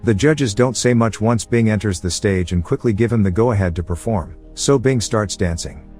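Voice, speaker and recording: A man tells a film's story in scripted recap narration. His voice sits low and his delivery stays even and measured. Soft music plays faintly behind him.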